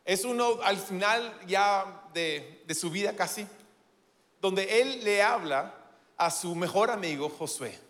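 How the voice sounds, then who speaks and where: A man preaching a sermon in an animated, playful way, with self-deprecating humor. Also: sits high, takes it slowly, long reverb tail.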